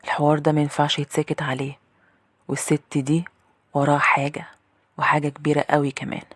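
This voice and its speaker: A woman with an Egyptian accent narrating a horror story in the first person, brisk and hushed at tense moments. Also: low-pitched, level tone, breathy edge, no room sound.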